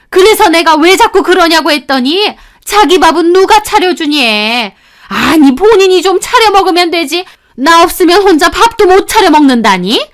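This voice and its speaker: A woman voicing a nagging, sharp-tongued older mother-in-law who scolds with contempt. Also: very high-pitched, exaggerated voice. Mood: complaining.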